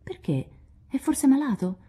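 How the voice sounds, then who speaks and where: A woman's voice: high voice, measured pace, breathy edge, pitched above the performer's own voice, full character voice. Woman playing a spirited coaxing young woman. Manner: coaxing, lively.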